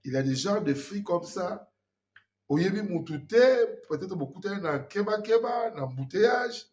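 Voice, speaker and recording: A man's voice: high-pitched, lively intonation, moderate pace, darkish tone. A man, hosting an earnest spiritual warning talk and mixing in French phrases. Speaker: host. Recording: dull lo-fi sound.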